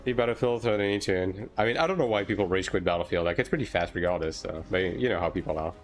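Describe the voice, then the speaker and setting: This French-born game streamer, a native French speaker, has a low voice and talks quickly over faint music while answering viewers on his livestream. He keeps things casual and hedging, frequently adding "right?" to his sentences.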